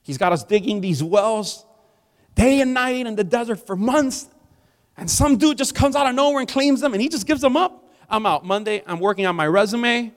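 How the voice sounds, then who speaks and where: A man's voice: high voice, animated, moderate pace. A man in his forties preaching a sermon in a conversational style, rising to emphatic peaks. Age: 40s. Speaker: pastor. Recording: long hall reverb.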